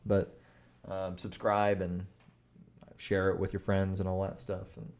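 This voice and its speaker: Rambling, heated man with a mellow voice. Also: low-pitched, monotone, a little slow. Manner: rambling, filler-heavy, profane and heated. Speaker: podcast host. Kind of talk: solo podcast monologue.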